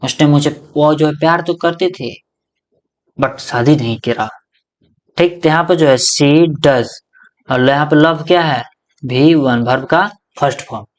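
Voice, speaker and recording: A man's voice: a little high, a little slow. A young man giving a classroom grammar lecture as a teacher, mixing in English words and repeating each key point as a question he then answers himself. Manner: mixes English words into explanations.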